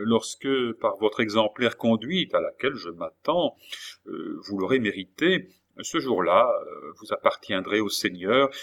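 A man voicing a royal princess who is now a nun, measured, dignified and reassuring, in an audiobook. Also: on the low side, fairly bright tone, full character voice. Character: royal princess turned nun, calm, commanding, kindly. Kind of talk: audiobook character voice.

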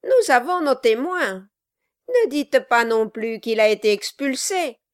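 A woman's voice: lively intonation, measured pace. A woman playing a sly, mocking dwarf villain. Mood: smug. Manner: shifting high and low, falsely courteous. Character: sly scheming male dwarf villain, feigned politeness. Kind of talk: audiobook reading.

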